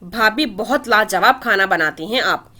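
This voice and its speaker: Playful young male pilot, voiced by a woman, affectionate, bright tone. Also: medium pitch, lively intonation, unhurried. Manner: teasing, affectionate.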